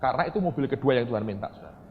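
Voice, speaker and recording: A man preaching a sermon, telling a story in a lively way that swings from quiet asides to shouted excitement. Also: medium pitch, rapid-fire, slight background noise. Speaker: pastor. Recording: dull lo-fi church hall recording with echo.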